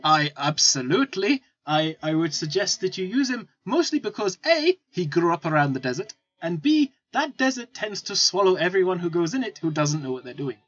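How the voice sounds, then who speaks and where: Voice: mid-range voice, very animated, normal speed, few pauses, fairly bright tone. A game master voicing a shifty male desert merchant who fawns, stammers and dodges questions while angling for coin. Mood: wheedling. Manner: stammering, fawning salesman patter. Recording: lo-fi with faint music.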